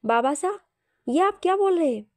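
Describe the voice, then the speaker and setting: Brief: woman voicing quick-tempered young prince, indignant, storybook read, dry sound. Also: high voice, dark tone, no room sound, natural voice. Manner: protesting, indignant. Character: hot-tempered young prince, protesting son.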